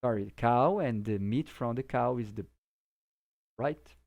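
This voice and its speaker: With a creaky, darkish voice of medium pitch and a measured pace, a Brazilian man whose native language is Portuguese teaches English vocabulary informally. As an English teacher, he keeps explanations simple and often checks that the listener follows.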